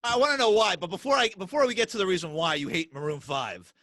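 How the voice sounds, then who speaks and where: Animated middle-aged podcast host, brisk rapid talker, bright tense voice, dry close sound. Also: male voice, high-pitched, no room sound. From US Northeast. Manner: animated, talks fast, many restarts and repeated words. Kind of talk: casual interview chat.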